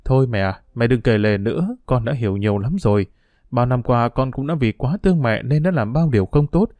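A man's voice: mid-range voice, no room sound, natural voice. Man reading a weary, firm young daughter. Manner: earnest, pleading, quietly firm.

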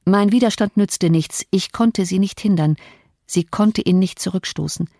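A woman narrating a classic novel as an audiobook in a measured, expressive way. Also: mid-range voice, no echo, studio quality.

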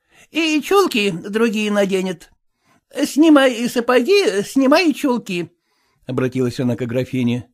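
A man doing a hoarse, scolding bossy maid. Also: high voice, sing-song, moderate pace, voice pushed up. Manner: shouting, scolding. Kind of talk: audiobook character voice.

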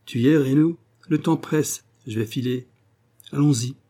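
A man doing a suave gentleman burglar, cocky and commanding, with a raised, louder voice over a mellow, husky tone. He barks short orders with a mocking edge in an audiobook reading. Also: medium pitch, moderate pace, voice pushed up, lightly acted. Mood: urgent brisk. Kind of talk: audiobook character voice.

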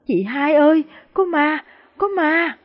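A terrified young woman, put on by a female storyteller cries out in a high, wailing voice. She is sobbing and clinging for help. The recording sounds dull and lo-fi. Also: lively intonation, slow pace. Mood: panicked sobbing.

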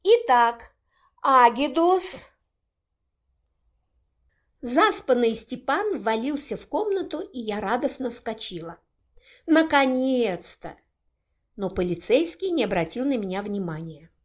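A woman narrating a first-person fantasy audiobook in an expressive, animated reading. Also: on the high side, normal speed, few pauses.

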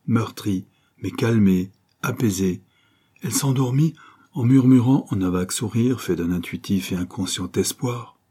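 A man reading a novel aloud as scripted narration, in a measured and dramatic way. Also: sits low, dark tone, breathy edge. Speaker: audiobook reader.

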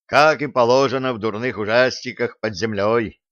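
A man's voice: mid-range voice, moderate pace, fairly bright tone, dry recording, natural voice. A man voicing a blunt young male crew member who reports with dry, matter-of-fact wit in an audiobook. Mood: wry. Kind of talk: audiobook character voice. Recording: dull lo-fi audio.

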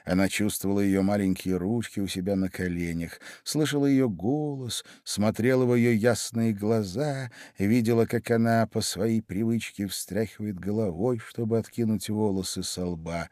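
A man narrating a storybook in a scripted reading, expressive and measured. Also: on the low side, no room sound, clean studio sound.

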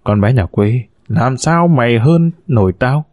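A man voicing a smooth-talking scheming husband, a con man who speaks in a glib, persuasive way, in a spoken story. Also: mid-range voice, animated, unhurried, a little mellow, no echo, clean studio sound, natural voice. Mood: scornful.

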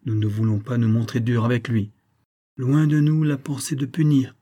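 A man voicing a smooth, scheming middle-aged army major with a coaxing, honeyed manner. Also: mid-range voice, little pitch movement, normal speed, mellow, lightly acted. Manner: coaxing, honeyed, then contemptuous.

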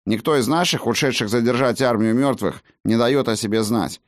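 In an audiobook, a man voices a wary, grumbling halfling man who speaks bluntly. His delivery is medium-pitched and moderately paced, raised above his own natural voice yet close to everyday speech, with studio quality and no room sound.

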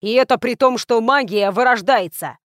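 A woman voicing an arrogant young male necromancer who yells his case. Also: fairly high pitch, moderate pace, no echo, clean studio sound, close to an everyday voice. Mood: yelling. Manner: yelling, persuasive.

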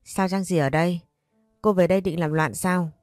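Woman doing a cold mean husband, sneering, lowish mellow voice, storybook audio. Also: steady tone, moderate pace, no room sound, clean studio sound, soft background music, close to an everyday voice. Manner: sneering, contemptuous. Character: scheming adult male husband, cold and cruel.

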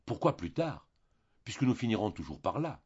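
An eager, courteous young husband in an audiobook, his voice soft and pleading, as a man reads him. The voice is husky and on the low side. The sound is dull and lo-fi. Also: lively intonation, quick pace.

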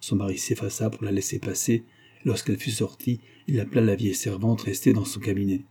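Dark husky male audiobook narrator. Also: lowish voice, fairly even intonation. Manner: measured literary reading. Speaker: audiobook reader. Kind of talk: scripted narration.

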